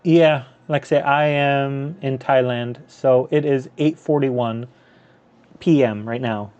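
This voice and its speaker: A handheld gaming streamer from the US and Canada hosts a laid-back live stream, talking over his gameplay in a loose, meandering way full of fillers and restarts. His mid-range voice is slow, fairly even, a little mellow, and clear and resonant, though the audio is lo-fi.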